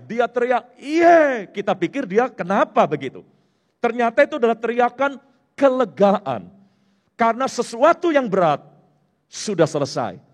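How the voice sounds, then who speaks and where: High-voiced male pastor preaching in a hall. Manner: explanatory preaching, mixing in English terms. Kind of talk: sermon. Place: church. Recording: long hall reverb.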